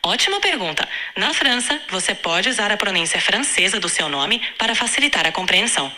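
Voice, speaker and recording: A woman's voice: medium pitch, very animated, brisk, noisy background. A synthetic female AI voice acting as a language tutor, polite, patient and encouraging.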